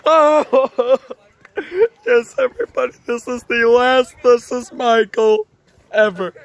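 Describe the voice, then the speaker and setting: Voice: medium pitch, slow pace. A speaker hosting a casual comedy vlog in a hammy, mock-dramatic way. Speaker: show host and announcer.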